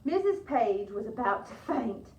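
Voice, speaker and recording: A woman's voice: fairly high pitch, unhurried, slight background noise. A woman librarian reading a story aloud to children at story time, asking her listeners questions along the way. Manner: animated, asks listeners questions. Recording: echoey room, dull sound.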